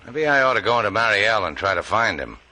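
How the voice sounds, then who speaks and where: An actor playing a tough, blunt boat captain, clipped and dry in a 1950s radio drama. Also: male voice, fairly low pitch, big pitch swings, fast talker, pushed and bright, full character voice. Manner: hard-bitten, clipped and dry.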